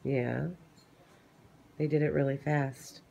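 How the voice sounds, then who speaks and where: Casual middle-pitched voice, teasing someone with simple questions, filming on a phone. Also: little pitch movement, slow pace, vocal fry, warm tone. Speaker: companion filming a recovering patient.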